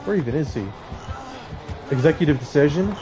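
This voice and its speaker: Over music, a young man with a fairly high voice and lively intonation speaks briskly as he streams a game. He banters with his chat, laughs often, and breaks off to give his teammates calls.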